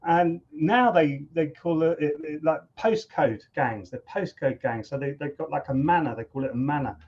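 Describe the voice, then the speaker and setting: Guy, guest on an interview, animated storyteller, slightly muffled lo-fi sound. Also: fairly high pitch, moderate pace. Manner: animated, repeats words while thinking. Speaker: guest musician. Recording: dull lo-fi sound.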